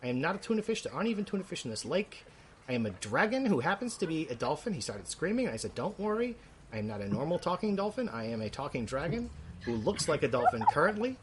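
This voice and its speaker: Old male brass dragon voiced by a man, rambling, fussy, touchy, lively pitch. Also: fast talker, noisy background. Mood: chatty. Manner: rambling, fussy, easily offended.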